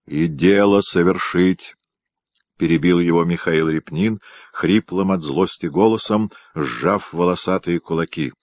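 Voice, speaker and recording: Deep, slow male audiobook narrator. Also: a little mellow, no room sound. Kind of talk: scripted narration of a historical novel.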